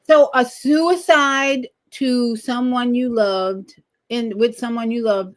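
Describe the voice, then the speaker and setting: A woman hosts a casual interview over a video call. She keeps the talk moving with encouraging, probing follow-up questions. Her voice has a typical middle pitch for a woman. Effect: heard over a video call. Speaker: interview host. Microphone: computer on a video call.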